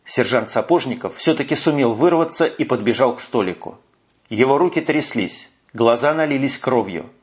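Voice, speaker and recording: Guy reading a story, animated, muffled audio. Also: medium pitch, moderate pace. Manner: expressive storytelling. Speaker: audiobook narrator. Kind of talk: scripted narration.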